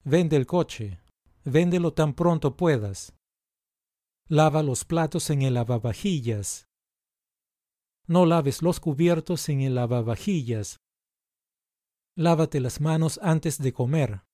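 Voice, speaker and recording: Guy reading practice sentences for learners, really slow and careful, dry close sound. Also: on the high side, mellow, no room sound. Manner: slow, deliberate, carefully enunciated. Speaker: language teacher.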